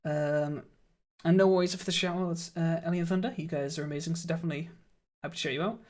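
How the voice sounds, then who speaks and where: This game streamer talks fast into a studio microphone, his somewhat croaky voice a little higher than most men's. Chatty and quick to laugh, he greets his viewers and thanks them warmly.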